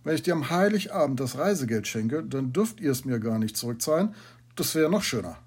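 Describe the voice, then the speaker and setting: Man voicing a gruff but kind teacher, brisk, emphatic, husky, storybook reading. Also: mid-range voice, sing-song, darkish tone. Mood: gruffly kind. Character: kind, gruff middle-aged male teacher.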